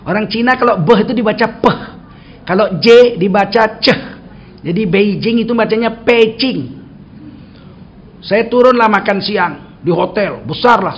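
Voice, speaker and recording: A man's voice: sits high, muffled recording, slight background noise. A man preaching a sermon in a mosque, telling stories and acting out dialogue. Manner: storytelling, acting out dialogue with lively shifts.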